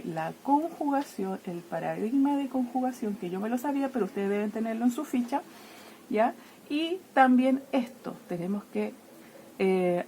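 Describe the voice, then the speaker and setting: A woman teacher explaining grammar to her students, checking in constantly with a quick "¿ya?" and playfully treating letters as if they fight and die. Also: medium pitch, a little mellow, slight background noise. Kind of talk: explaining Greek grammar lesson.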